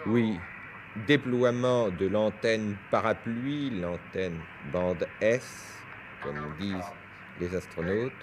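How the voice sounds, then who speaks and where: A man with a lowish voice speaks at a slow pace. He delivers explanatory, didactic science commentary over footage in a 1970s TV news broadcast, heard in a noisy 1971 French newsreel recording.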